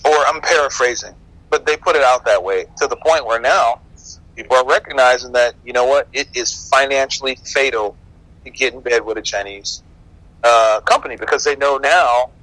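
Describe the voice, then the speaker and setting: Male podcast host, standard American accent, medium pitch, bright and punchy, dry recording, emphatic opinionated talk. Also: no echo, low-quality recording. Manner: emphatic, informal, asserting with rhetorical questions. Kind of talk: opinionated political monologue, conversational.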